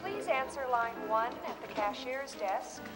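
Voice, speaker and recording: A woman making a soft, slow paging announcement for a restaurant, heard from far off in a gentle, formal tone. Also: high-pitched, expressive, over loud music.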